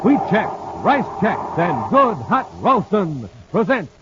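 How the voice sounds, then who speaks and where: A male announcer from a 1950s radio serial, booming and showman-like. His pitch sits high and swings widely. The old recording is muffled with a faint hiss. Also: wildly swooping pitch, takes it slowly.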